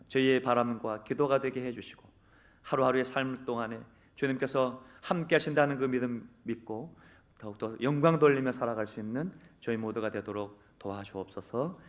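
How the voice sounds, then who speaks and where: A man preaching as pastor, ending his sermon and leading a prayer in an earnest, measured, pleading way with small filler pauses, in a church. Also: mid-range voice. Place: church sanctuary.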